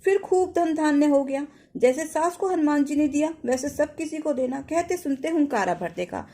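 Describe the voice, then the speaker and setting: A woman's voice: sits high, lively intonation, moderate pace, warm tone. A woman narrating a devotional folk tale in a plain, homely storytelling manner with ritual refrains.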